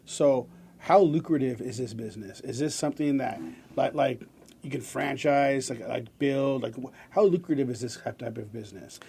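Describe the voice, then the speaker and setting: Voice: medium pitch, moderate pace, creaky, warm tone, breathy edge. A podcast co-host chatting casually, throwing in joking asides and asking questions. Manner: laid-back, joking asides. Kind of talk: casual interview chat.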